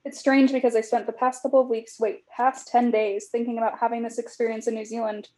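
Woman in her thirties, fairly high and mellow, reflective journal reading with lots of "like" fillers. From California. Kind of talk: casual chat, reading aloud from old journals.

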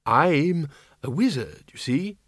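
A man voicing a polite old zombie wizard who speaks haltingly and apologetically. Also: on the high side, very animated, a bit bright, no room sound, studio quality, full character voice. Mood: awkward.

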